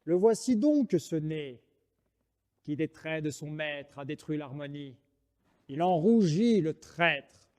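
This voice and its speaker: A man's voice: fairly high pitch, lively intonation, takes it slowly, a little mellow. An actor playing a proud, mocking swordsman poet in a French verse monologue, declaiming like a hammy stage actor. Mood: scornful, proud. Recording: reverberant hall sound.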